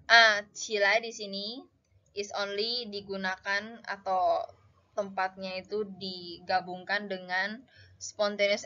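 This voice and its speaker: Woman teacher going over grammar, bright tense voice, kinda dull lo-fi sound. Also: mid-range voice. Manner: reads example sentences slowly, then explains casually. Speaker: Mandarin teacher. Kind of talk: language lesson explaining grammar. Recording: dull lo-fi recording.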